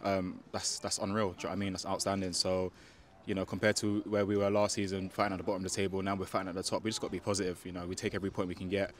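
Outdoors after a match, a young adult football player speaks into a handheld microphone, with slight background noise. His low-pitched voice is level in tone but races along, hesitant and full of fillers and restarts, and he keeps asking "do you know what I mean."

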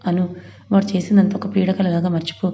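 A woman voicing a tender, pleading young husband in a read-aloud story, with a gentle coaxing manner, on a dull lo-fi recording. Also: high-pitched, level tone, a little fast, gravelly. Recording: dull lo-fi with faint hiss.

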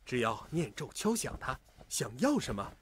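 An actor playing a sly young man posing as a rich long-lost brother, talking smoothly as he spins his tale. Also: medium pitch, big pitch swings, normal speed, slight background noise, close to an everyday voice. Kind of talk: comic period TV drama acting. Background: drama score music.

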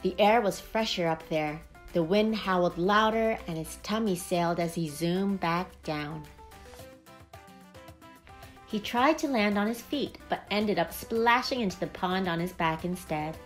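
A woman reading a children's picture book aloud in a gentle, expressive storytelling voice. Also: fairly low pitch, a little slow, soft background music. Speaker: storybook reader.

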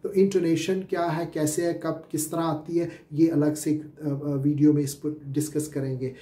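A man's voice: a little high, flat delivery, normal speed, dark tone, reverberant. A Pakistani-accented man teaching spoken English as a lecture, explaining step by step with many filler sounds and repeated questions. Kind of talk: classroom-style lecture.

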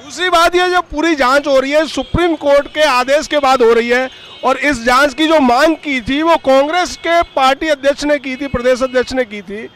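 A man's voice: extremely high pitch, normal speed, a bit bright. A man reporting out on a city street, firing pointed, leading questions at passersby. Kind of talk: vox-pop street interview.

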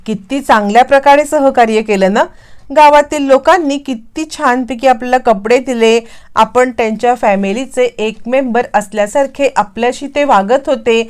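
A woman reading the lines of Kala, a defiant, quick-witted young woman in a TV serial recap. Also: on the high side, a little mellow, smooth, close to an everyday voice. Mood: coaxing. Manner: pleading then sharply defiant.

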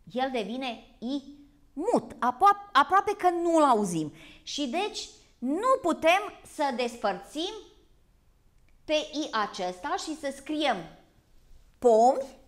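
Lively-pitched woman teaching a grammar lesson. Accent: Romanian of Vojvodina. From Vojvodina, Serbia. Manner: slow, deliberate explanation. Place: broadcast TV lesson.

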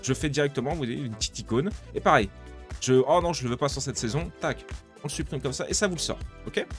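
A man's voice: mid-range voice, fast talker, faint music behind. A man hosting a casual game tutorial, talking informally with plenty of asides and fillers.

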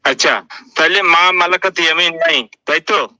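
A man's voice: a little high, normal speed, sharp tone, no echo, poor audio. A man joining a live online call as a guest, debating insistently and pressing others with pointed questions. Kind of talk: heated religious debate.

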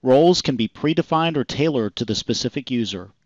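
A man calmly reading a scripted software demonstration voice-over in an even, explanatory way. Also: medium pitch, a little fast, dry recording. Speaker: software demo narrator. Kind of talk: scripted product demo narration.

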